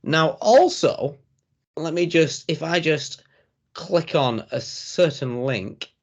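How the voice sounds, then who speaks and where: A man co-hosting a casual wrestling review, setting up jokes in a slow, deadpan way. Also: fairly high pitch, dull audio. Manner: slow, jokey, deadpan setups. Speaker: podcast co-host.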